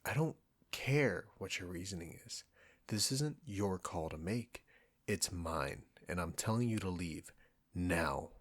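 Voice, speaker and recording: In an audio roleplay, a man with a low voice plays a proud restaurant chef who addresses the listener directly, combative and sarcastic, with an irritable, condescending edge. He sounds annoyed and firm, delivering a full, expressive character voice at a slow pace.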